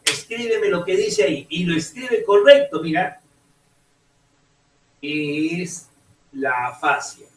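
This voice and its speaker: A male teacher gives a slow, halting classroom lecture in a somewhat high voice, often restarting phrases and checking that students follow. The sound bounces around a roomy classroom. The mic sits well away from him. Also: distant mic. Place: echoey classroom.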